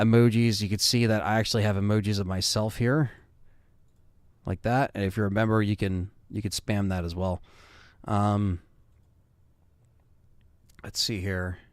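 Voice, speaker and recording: A man's voice: fairly low pitch, smooth, no echo, clean studio sound. A man in his thirties hosting a live stream, chatting casually and reading viewer comments with loose fillers. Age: 30s.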